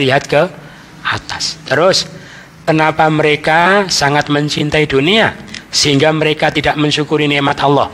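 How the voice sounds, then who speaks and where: A man's voice: fairly high pitch, fairly bright tone. A man leads a mosque study session. His tone is easy and conversational, and he keeps asking questions and then answering them himself. His voice carries through a large hall with long reverb and a faint hiss behind it. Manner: conversational, asks and answers his own questions, frequent "gitu ya". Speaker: Islamic teacher giving Quran commentary.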